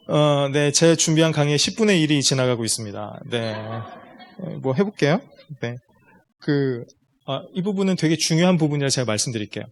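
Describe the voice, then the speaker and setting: A man lectures parents in a school lecture room, explaining in careful steps and directing rhetorical questions at the audience. He speaks briskly with lively intonation in a slightly high voice, over a little hiss or hum.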